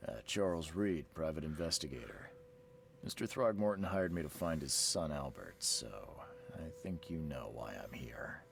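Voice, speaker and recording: An actor playing a hard-boiled, coolly threatening private investigator in a video game, with a dry, clipped manner. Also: male voice, a bass voice, animated, moderate pace, creaky, heavily acted. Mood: firm, controlled. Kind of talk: video game character acting.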